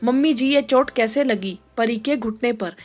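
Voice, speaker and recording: A woman voicing a young working mother, a quick-tempered daughter-in-law who scolds in a sharp, clipped way in a storybook tale. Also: a little high, close to an everyday voice. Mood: sharp, annoyed.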